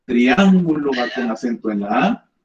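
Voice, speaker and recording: A man's voice: medium pitch, animated, a little slow, a little mellow. A man teaching a math class, patiently guiding students step by step. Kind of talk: classroom lesson. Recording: echoey classroom, dull lo-fi sound.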